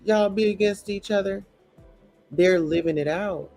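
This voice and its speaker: A man's voice: high voice, measured pace, gravelly, darkish tone, faint music behind. A man ranting in a blunt, profane, preachy commentary reacting to a show.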